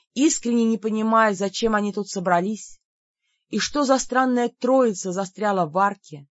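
A woman's voice: medium pitch, dry recording, muffled recording. A woman narrating a first-person fantasy audiobook dramatically, speaking the heroine's cold commands herself. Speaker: audiobook reader.

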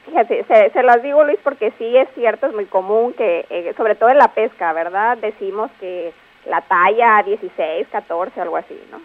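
A woman giving a grammar lesson on a radio show, quizzing her co-host and explaining patiently. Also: on the high side. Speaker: language teacher on a radio show. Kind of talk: radio spelling and grammar segment. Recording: dull lo-fi radio broadcast.

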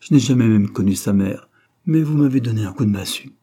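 A man voicing an emotional elderly gentleman, a guardian who talks in a choked, heartfelt way in a storybook reading. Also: fairly low pitch, fairly quick, husky. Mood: grieving. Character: grief-stricken elderly male guardian.

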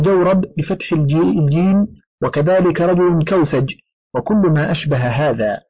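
A man reading a classical grammar book aloud as an audiobook, in a steady formal recitation that includes its footnotes. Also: fairly high pitch, breathy edge, no echo. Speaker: audiobook reader. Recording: dry, dull lo-fi recording.

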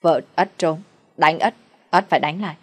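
A woman's voice: low-pitched, normal speed, slightly rough. A woman voicing a simple-minded, brutish young man who talks like a child. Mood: childlike, loud. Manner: childlike, calls himself by name.

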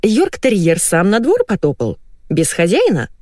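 Женщина изображает визгливую ревнивую жену. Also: female voice, a little high, very animated, normal speed, dry recording, studio quality, pitched above the performer's own voice. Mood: scolding. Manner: shrieking, bossy interrogation. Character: shrill jealous suspicious wife.

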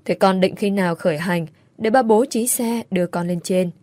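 A woman voicing an older father who speaks in a calm, measured, sorrowful way. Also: mid-range voice, no echo, lightly acted. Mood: reassuring.

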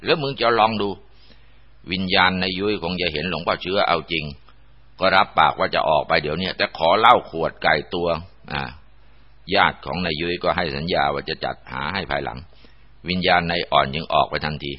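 A man's voice: sits low, fairly quick. A man narrating a ghost story in a dramatic, vivid storytelling manner. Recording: dull lo-fi recording.

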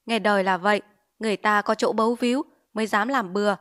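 A woman's voice: mid-range voice, steady tone, a bit bright, lightly acted. Woman doing a wry lecturing magistrate. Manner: measured, lecturing.

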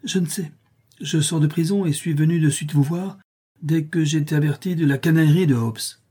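A man's voice: on the high side, fairly quick, dark tone, husky, pitched above the performer's own voice. A man voicing a greedy, scheming male meat-packer with an insistent, sneering manner, read aloud from a story.

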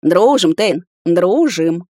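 A woman's voice: medium pitch, animated, a little fast, darkish tone, no room sound, clean studio sound, lightly acted. A woman voicing a young male prince who pleads with his angry friend, his voice raised. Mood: pleading. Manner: raised, appeasing.

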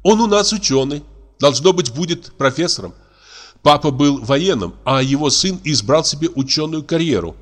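A man's voice: a little high, lively intonation, moderate pace, close to an everyday voice. A man voicing an eager youngest sister. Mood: chatty. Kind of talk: audiobook play reading.

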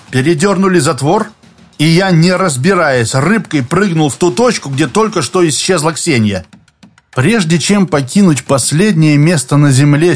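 A man reading a science-fiction novel aloud in steady, scripted first-person narration. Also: on the high side. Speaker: audiobook narrator.

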